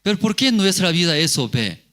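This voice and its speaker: A man's voice: high-pitched, big pitch swings, fairly quick, sharp tone. A male pastor giving a sermon, asking the congregation rhetorical questions and repeating key words.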